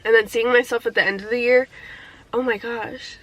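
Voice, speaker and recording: A woman's voice: a little high, fairly even intonation, moderate pace, poor audio. A young woman talking casually and candidly in a year-in-review vlog, reflective and swearing freely, getting teary at times. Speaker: vlogger.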